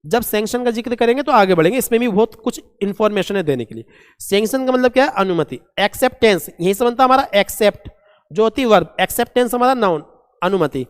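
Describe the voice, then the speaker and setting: A man's voice: sits high, lively intonation, smooth. Man, vocabulary teacher, asks and answers himself, resonant voice, long reverb. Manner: asks and answers his own questions, calls students "beta"; reads English examples out slowly. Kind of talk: vocabulary lesson.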